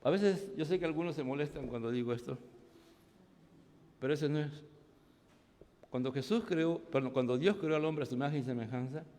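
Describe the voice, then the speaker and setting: A man with a Peruvian Spanish accent, a pastor preaching a sermon, moving from quiet storytelling to shouted preaching in a church. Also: on the high side, fairly quick, long pauses. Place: church hall. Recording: long hall reverb.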